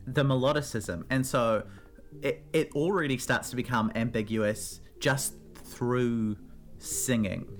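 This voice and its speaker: A woman's voice: extremely low pitch, slow, faint music behind. Radio guest: New Zealand woman, easygoing talk, laughs a lot, stumbles and restarts. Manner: chatty, laughs often, many fillers and restarts. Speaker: radio segment guest on words. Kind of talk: casual radio chat.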